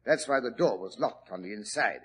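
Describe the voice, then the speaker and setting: An actor playing Doctor Watson, a genial older companion telling the story afterward in a chatty way, in a 1940s radio drama. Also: male voice, on the low side, expressive, fairly quick, fairly bright tone, a little hiss or hum.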